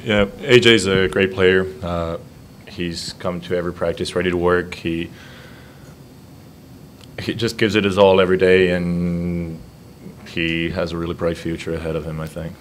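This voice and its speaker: A man's voice: low voice, flat delivery, normal speed, a little hiss or hum. A young man, a college basketball player, answering postgame questions plainly and with some hesitation, seated at a table mic in a press room. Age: young adult.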